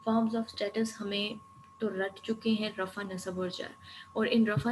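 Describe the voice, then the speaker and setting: A woman's voice: medium pitch, a little mellow, low-quality recording. Woman teacher explaining grammar step by step. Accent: Pakistani. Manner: explains step by step, repeats word endings slowly, warns students firmly. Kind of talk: recorded online lecture. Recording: faint noise and hum.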